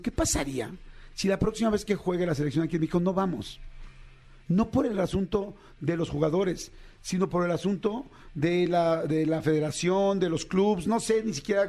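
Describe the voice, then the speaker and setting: A man's voice: high voice, brisk, darkish tone. A Mexican man hosting a podcast, talking in a passionate, rambling casual chat full of slang and repeated words. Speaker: podcast host.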